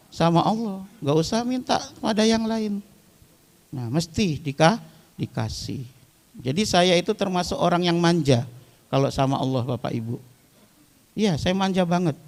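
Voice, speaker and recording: A male preacher in his thirties with a voice sitting somewhat above the usual male pitch. He tells stories in a relaxed, chatty way and keeps turning to his live congregation as he talks. The talk mixes religious teaching with humor. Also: big-room sound. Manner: chatty storytelling, often addressing the listeners directly. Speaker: Islamic preacher. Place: weekly study gathering before a live audience.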